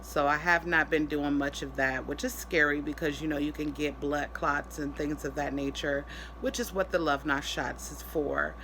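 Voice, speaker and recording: Woman vlogger, worn out and sore post-surgery, halting casual talk, bright voice, faint noise. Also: deep voice, fairly even intonation, low-quality recording. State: tired and in pain after surgery. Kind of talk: casual personal health update vlog.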